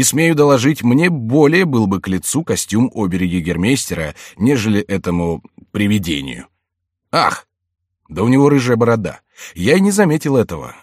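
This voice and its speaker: A man's voice: on the low side, dry recording, studio quality. A man voicing a bold, mocking young nobleman in a read-aloud classic novel. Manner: mocking, daring.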